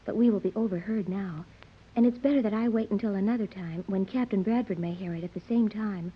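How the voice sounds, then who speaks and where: This woman's voice is medium in pitch, husky and a little fast, captured in lo-fi sound and lightly acted. In 1930s radio-serial fashion, she voices an earnest fifteen-year-old prodigy who talks gravely, in careful, formal, bookish language.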